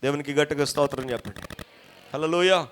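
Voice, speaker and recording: High, bright-voiced impassioned male preacher. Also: fast, slight background noise. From coastal Andhra Pradesh, India. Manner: impassioned preaching, swinging from shouted peaks to quiet, low asides; repeated calls for praise and hallelujah. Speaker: pastor. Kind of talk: Telugu sermon to a congregation. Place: church before a live congregation.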